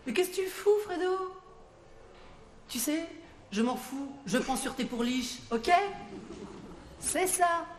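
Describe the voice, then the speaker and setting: A woman's voice: a little high, slight background noise. A French woman performing a comic stage monologue as a gossipy, bossy café owner chatting with her customers. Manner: gossipy, bossy, talks to unseen customers in turn. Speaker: comedian performing a one-woman stage show. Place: theatre stage with audience. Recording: echoey live theatre recording.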